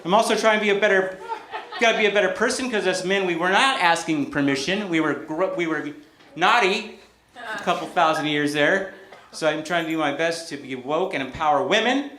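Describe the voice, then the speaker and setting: A man's voice: sits high, fairly quick, pushed and bright. A man performing self-deprecating stand-up comedy live on stage. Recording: echoey, noisy live club recording.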